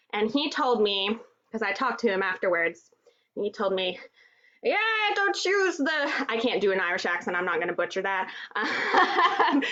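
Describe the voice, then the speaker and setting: A woman's voice: on the high side, a bit bright, muffled recording. A woman from Texas, a music therapist, leading a children's movement and music class and cheerfully speaking straight to the kids at home. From Texas, USA. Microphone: computer microphone.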